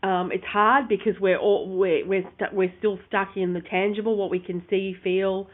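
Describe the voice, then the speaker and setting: A woman's voice: mid-range voice, level tone, moderate pace. A woman co-hosting a casual business chat, rambling and sometimes losing her train of thought. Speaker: podcast co-host. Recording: phone-like narrow sound.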